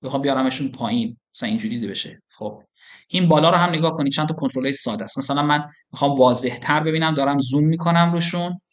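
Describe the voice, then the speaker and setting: Man lecturing, quizzing his students. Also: on the high side. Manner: asks students questions, explains step by step. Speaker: university lecturer. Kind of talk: classroom lecture with screen demo.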